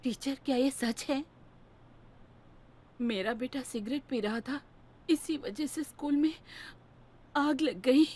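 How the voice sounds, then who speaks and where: A woman's voice: high-pitched, takes it slowly, long pauses, a little mellow. An actress dubbing a distraught mother who confronts her teenage son and pleads with him through tears. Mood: worried. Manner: tearful, pleading. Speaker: student's mother. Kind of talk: Hindi dub of a TV drama.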